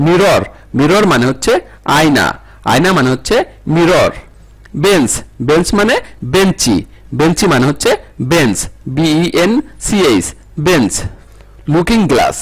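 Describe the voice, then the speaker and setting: A man's voice: fairly high pitch, husky. A man teaching English vocabulary, repeating each word and its meaning and spelling it out letter by letter in a sing-song drill.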